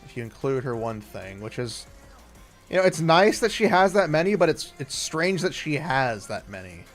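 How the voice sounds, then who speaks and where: A man's voice: on the high side, big pitch swings, normal speed, soft background music. A man casually chatting on a gaming stream, rambling and trailing off, sleepy and yawning. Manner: rambling, laid-back, trailing off.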